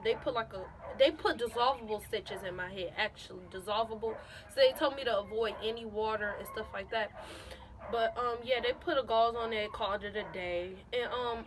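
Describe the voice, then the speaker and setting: A young woman in her late teens telling a casual storytime to her camera, animated and repeating phrases for emphasis. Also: fairly high pitch, noisy background. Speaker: vlogger.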